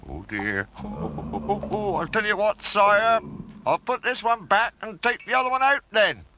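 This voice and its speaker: A man's voice: high voice, big pitch swings, normal speed. A man voicing a kindly, put-upon cartoon servant with a British accent, muttering fussily and deferentially to himself. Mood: flustered. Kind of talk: British cartoon character acting. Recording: noisy soundtrack with constant background sounds.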